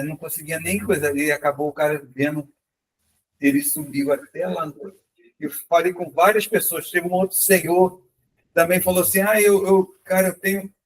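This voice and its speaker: A man's voice: sits high, expressive, normal speed. A man with a Brazilian accent shares a casual testimony at a church meeting, with lots of fillers. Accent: Brazilian Portuguese. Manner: casual, filler-heavy, says cara often. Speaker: church group member giving a testimony. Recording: voice from far off the mic.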